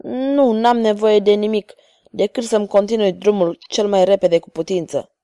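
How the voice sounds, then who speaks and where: A reserved nobleman answering coldly and briefly, voiced by a woman narrator. The voice stays mellow and warm, in a close, dry storybook recording. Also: medium pitch, steady tone, smooth, dry recording, close to an everyday voice. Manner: cold and curt. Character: cold reserved male count, nobleman.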